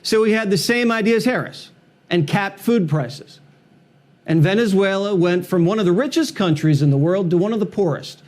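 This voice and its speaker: Sarcastic high-voiced man in political monologue. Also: moderate pace, darkish tone. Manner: sarcastic, mocking, punchy. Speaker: television political commentator. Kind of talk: scripted satirical monologue.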